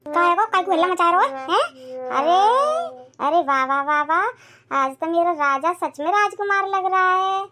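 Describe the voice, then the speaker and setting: A woman puts on a doting old grandmother from a village for a cartoon. She fusses and scolds in a high, bright voice. Her pitch sits well above the usual. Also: moderate pace. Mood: fussing. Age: older. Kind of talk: cartoon dialogue.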